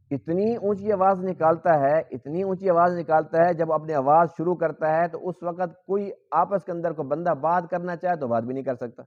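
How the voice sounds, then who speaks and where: Pakistani urdu accent guy preaching in a mosque, lots of rhetorical questions, kinda high voice, dull lo-fi audio. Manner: earnest, explaining with rhetorical questions. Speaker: Quran teacher. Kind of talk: sermon. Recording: dull lo-fi recording.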